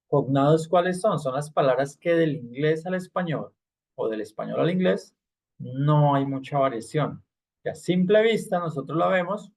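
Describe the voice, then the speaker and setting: A man teaching an online English class, explaining patiently and checking in with frequent tag questions. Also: fairly high pitch.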